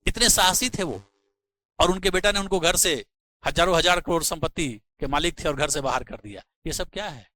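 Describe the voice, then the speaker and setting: Middle-aged male teacher, earnest and preachy, bright forceful tone, dry close sound. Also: fairly high pitch, no room sound, low-quality recording. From India. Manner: earnest, preachy, slows to stress points. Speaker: physics teacher. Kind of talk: motivational talk to students.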